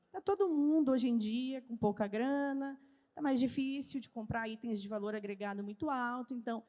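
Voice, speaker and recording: The voice is high-pitched yet dark in tone, belonging to a woman with a gaúcho accent from Brazil's south. As a trade-fair speaker, she teaches by asking questions and answering them herself before a live audience in a large event hall. The recording has a long reverb.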